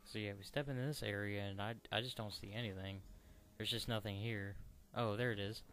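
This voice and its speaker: Lowish guy doing a chill lets play, halting rambly talk, bit of noise and game sound. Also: steady tone, fairly bright tone. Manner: halting, searching for words. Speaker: let's play commentator. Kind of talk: casual rambling game commentary.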